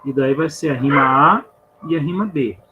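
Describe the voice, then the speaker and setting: A man's voice: fairly high pitch, normal speed. Brazilian male teacher, patient step-by-step explainer, muffled lo-fi call audio with a faint hum. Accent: Brazilian Portuguese. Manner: patient, counts syllables aloud step by step. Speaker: literature teacher. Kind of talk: online class explaining poetry.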